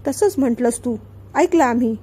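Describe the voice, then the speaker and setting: Woman voicing a pouty little storybook girl, high and mellow. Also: moderate pace, breathy edge. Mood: sulky. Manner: childish pouting talk. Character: bossy little girl, playful and sulky.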